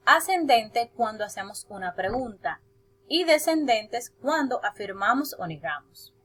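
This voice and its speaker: A young female teacher-in-training gives a steady, explanatory presentation to her class. Her voice sits a little high, and she slips in brief, hesitant fillers between points.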